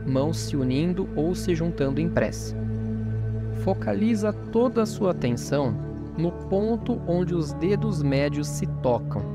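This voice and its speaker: Male Brazilian meditation guide, slightly high-pitched, soothing and calm, with prominent new-age music behind. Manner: calm, soothing, unhurried guidance with pauses. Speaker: meditation guide and podcast host.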